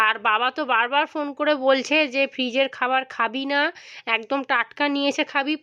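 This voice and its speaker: A hoarse woman with a Bengali accent, chatting to viewers while doing chores in her home kitchen. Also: high-pitched, a bit bright, lo-fi sound. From India. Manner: chatty, confiding, addressing viewers directly. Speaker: vlogger. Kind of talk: casual home vlog narration.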